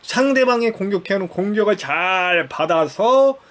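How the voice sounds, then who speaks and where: A man's voice: high-pitched, animated, normal speed, a bit bright. A man preaching a sermon in a conversational storytelling way, acting out bits of dialogue and putting questions to the listeners. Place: church.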